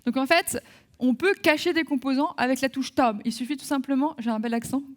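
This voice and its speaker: A woman giving a live software training webinar, talking through steps with many fillers and restarts. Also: high voice, brisk.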